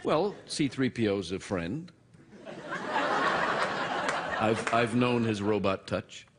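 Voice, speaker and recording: A man's voice: on the low side, animated, slow, heavy background noise. A man bantering casually as a comic sidekick, tossing in short, agreeable interjections.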